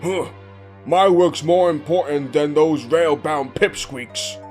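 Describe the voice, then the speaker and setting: A man's voice: fairly high pitch, slow, darkish tone. A man voicing a nasty, arrogant steamroller with a sneering, pompous manner, music playing behind him. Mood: irritated. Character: nasty, arrogant male steamroller who hates railways.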